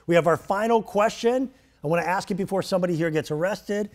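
A man in his fifties playing a composed TV debate moderator, measured and mock-solemn, stretching words for emphasis. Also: high-pitched, lightly acted. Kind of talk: mock news debate hosting. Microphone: lapel mic.

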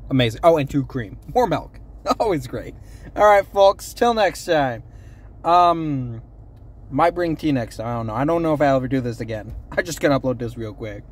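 A young vlogger rambles unscripted into his phone camera from a parked car, full of ums and correcting himself as he goes. He talks at a moderate pace in an animated, mid-range voice.

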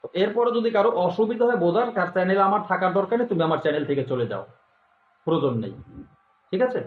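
A man hosting a channel who teaches mantras to his viewers, talking slowly and deliberately, repeating himself and scolding them directly. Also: high-pitched, expressive. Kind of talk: instructional talk to viewers. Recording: echoey room, tinny phone-like sound.

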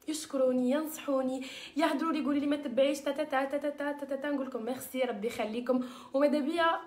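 A woman's voice: sits high, a little mellow, echoey room. A woman with an Algerian accent hosting a casual live stream, chatting and greeting viewers and sprinkling French words into her talk. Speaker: live-stream host selling beauty mixtures.

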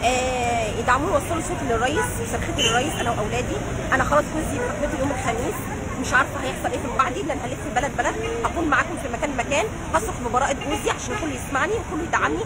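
A woman's voice: sits high, very fast. Pleading Egyptian woman in a roaring street. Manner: pleading, urgent, repetitive. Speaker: wife of a detained man. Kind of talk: livestream street appeal. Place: busy city street outdoors. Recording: loud street crowd and traffic.

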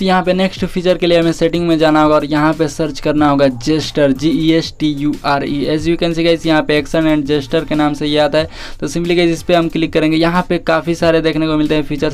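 A young man voices a casual tech tips tutorial, talking to viewers in a familiar way and mixing in English words, with music playing behind him. His voice leans high, a little mellow and smooth.

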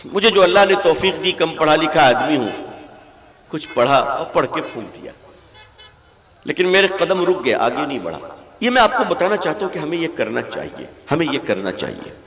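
A male cleric preaches with a voice that leaps up and down, moving from quiet storytelling to loud, pleading exhortation. His voice sits a little high. It rings through a reverberant hall over a loudspeaker. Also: sing-song. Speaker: Islamic cleric. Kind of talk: impassioned sermon speech. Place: religious school gathering.

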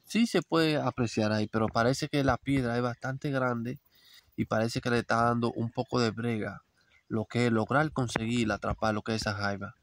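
A middle-aged man narrating live as a vlog host, talking to viewers outdoors by a forest stream with halting, repetitive commentary. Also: medium pitch, steady tone. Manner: talks to viewers, repeats phrases, halting restarts. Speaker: vlog host narrating a crab-fishing outing.

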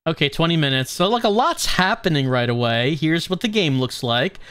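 A man's voice: on the high side, animated, normal speed, fairly bright tone, smooth. A man hosting a gaming video, chatting casually and musing as he plays. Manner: musing, conversational. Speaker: gaming channel host. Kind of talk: casual game commentary.

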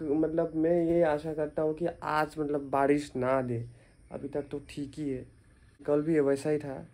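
एक युवा आदमी कमरे में फ़ोन पकड़कर अपने दिन के बारे में बिखरे ढंग से बात करता है, बीच-बीच में बार-बार "मतलब" कहता है।. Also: male voice, on the high side, dark tone. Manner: rambling, many fillers, tired. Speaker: vlogger and teacher. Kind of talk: casual vlog to camera. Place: small room indoors. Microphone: phone at arm's length.

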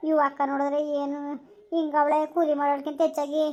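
A woman's voice: high-pitched, completely flat delivery, fast talker, darkish tone, lightly acted. A woman playing a poor widowed mother pleading. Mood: lamenting. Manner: pleading, tearful, humble. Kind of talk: village comedy skit acting.

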